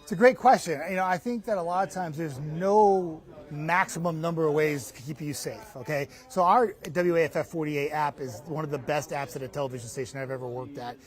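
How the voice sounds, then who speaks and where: Faint music plays behind a middle-aged TV weatherman being interviewed live on a lapel mic at a hardware store remote. Fairly high-pitched and fairly quick, he explains in a conversational, emphatic manner.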